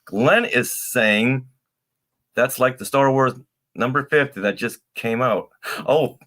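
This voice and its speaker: Bright-voiced man co-hosting a live stream. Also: medium pitch, slow pace. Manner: playful, bantering, reacts to live comments. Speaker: co-host of a fan live stream. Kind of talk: casual live-stream chat.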